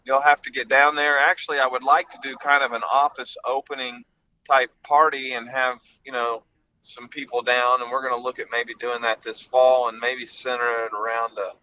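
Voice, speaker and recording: A man's voice: medium pitch, flat delivery, normal speed, pushed and bright, slight background noise. A middle-aged man, a podcast host calling in from the road and telling stories in a folksy, rambling way. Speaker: podcast host and law firm managing partner. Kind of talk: casual podcast chat. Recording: muffled call-in line.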